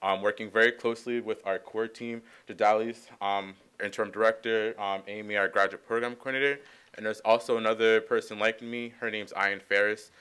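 A young man presenting at a podium, halting and filling pauses with many ums. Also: on the low side, fairly even intonation, a bit bright, clear, resonant tone. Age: young adult. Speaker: undergraduate program coordinator. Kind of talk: panel presentation. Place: conference room. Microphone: podium microphone.

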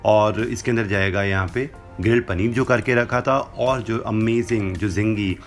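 With a fairly even intonation and a moderate pace, a young man whose voice sits on the low side walks viewers through a recipe on his cooking channel. His Hindi narration, instructive and step by step, includes English phrases. Faint music accompanies him in his brick-walled home kitchen.

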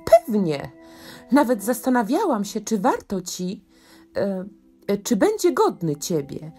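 A woman reading the part of a bossy old storybook duchess, scolding, lively pitch, slow. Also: husky, soft background music, exaggerated voice. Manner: commanding, scolding.

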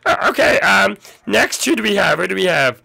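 A man's voice: high voice, normal speed, gravelly, breathy edge, heavily acted. A man as Koopa, a jittery turtle henchman. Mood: eager. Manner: stammering, excitable, with many ums. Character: eager, nervous male turtle henchman.

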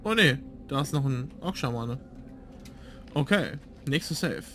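A man's voice: mid-range voice, expressive, unhurried, fairly bright tone, slight background noise. A man giving casual gameplay commentary as a let's player, musing aloud to himself. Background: game sound.

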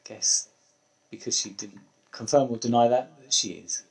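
His mid-range voice holds a steady tone at normal speed, though the recording quality is low. It's a young man streaming a video game in a hunter role, making casual gaming chat and muttering wryly to himself as he goes.

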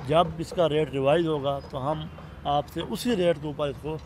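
A man with a Pakistani Urdu accent, a property agent, giving a steady, detailed, businesslike run-through of a project while standing outdoors on a lapel mic. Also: on the high side, unhurried, background noise. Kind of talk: explaining details to an interviewer.

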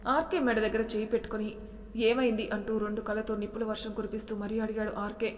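Flat-voiced woman narrating a story. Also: medium pitch, fast talker. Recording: long echoing reverb.

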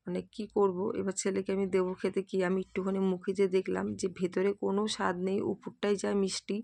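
A young adult woman narrating a home cooking video in a casual voice-over, halting and full of fillers, her throat strained and catching. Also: medium pitch, creaky, a little mellow, dry recording, clean studio sound. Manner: hesitant, many fillers. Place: home kitchen, voice-over recorded at home by day.

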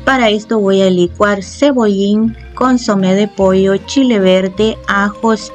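A woman, the host of a cooking channel, explaining each step of a home recipe calmly and with fond diminutives. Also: medium pitch, slow, faint music behind. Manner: calm, explanatory, uses loving diminutives. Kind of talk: step-by-step cooking tutorial voice-over. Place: home kitchen.

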